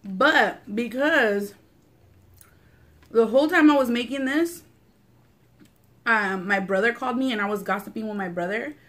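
A woman's voice: a little high, a little slow, pauses often, a bit bright. A young adult woman hosting an eating video, chatting casually to camera in an informal, slangy way with some swearing. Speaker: mukbang host. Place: small furnished living room, indoors.

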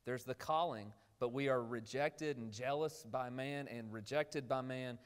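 A man's voice: mid-range voice, a little slow, clear, resonant tone. A man preaching a midweek sermon in a conversational way, asking the congregation questions and acting out the characters he quotes. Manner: acts out quoted characters in brief voices. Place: church.

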